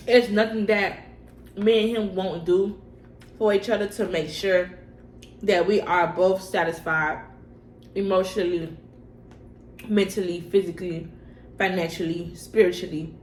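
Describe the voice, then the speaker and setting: A woman's voice: mid-range voice, steady tone, unhurried, long pauses. Young woman chatting casually in an echoey room. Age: young adult. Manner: informal, slangy, with emphatic repetition. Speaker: vlogger answering personal questions. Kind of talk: casual mukbang chat to camera. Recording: echoey room with faint background noise.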